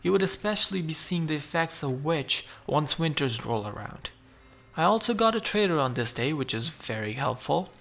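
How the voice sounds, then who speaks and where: A man's voice: fairly high pitch, gravelly, fairly bright tone. A man narrating his own survival game playthrough, chatty and explaining each move as he goes. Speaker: gameplay narrator.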